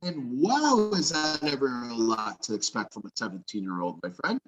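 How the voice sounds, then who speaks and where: A man's voice: mid-range voice, expressive, moderate pace, highs cut off. A man hosting a podcast, interviewing his guest in a chummy, casual way. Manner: chummy, calls the guest buddy and brother. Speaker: podcast host.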